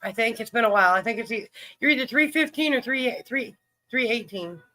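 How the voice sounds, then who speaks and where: Man hosting a live stream, high bright voice, chatty and friendly with viewers. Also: animated, a little fast. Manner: chatty, greets viewers by name. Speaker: livestream host. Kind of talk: casual livestream chat.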